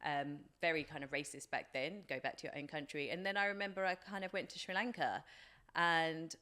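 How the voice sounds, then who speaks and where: This guest is a life coach in her forties, English and from England since the age of three, talking reflectively about herself in an interview. Her deep voice has a sharp tone and moves a little fast, and her informal speech wavers with frequent fillers.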